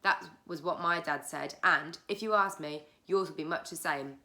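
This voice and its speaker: A woman's voice: sits low, moderate pace, pushed and bright. A woman voicing a chatty, motherly older housekeeper with a blunt, homely way of talking, read from a storybook. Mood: gossipy.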